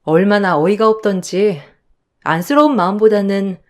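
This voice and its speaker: A woman's voice: medium pitch, normal speed. A young woman reading a dramatized family story, voicing herself with indignant, emphatic retorts.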